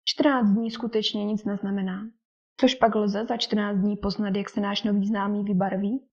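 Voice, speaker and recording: A woman reading the lines of a dry, teasing older English gentleman and father in an audiobook. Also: mid-range voice, little pitch movement, natural voice. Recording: dull lo-fi recording.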